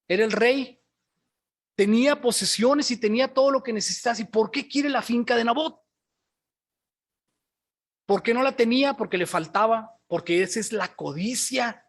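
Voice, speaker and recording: A man with a high-pitched voice delivers a sermon as pastor. He tells the story with animation, stopping often to ask the congregation questions and address them directly. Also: normal speed, long pauses.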